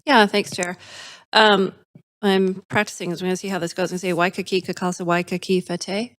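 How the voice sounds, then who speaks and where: A woman's voice: lowish voice, level tone, fairly quick, fairly bright tone. A woman, a city councillor who grew up in the UK, speaking informally with many fillers at a council meeting. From United Kingdom.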